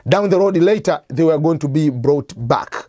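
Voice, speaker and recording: A man's voice: fairly high pitch, expressive, normal speed, mellow, no room sound, clean studio sound. A man hosting an advice show, explaining step by step in a conversational way, asking and answering his own questions. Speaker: host of an immigration advice channel. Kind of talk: explanatory talk to camera.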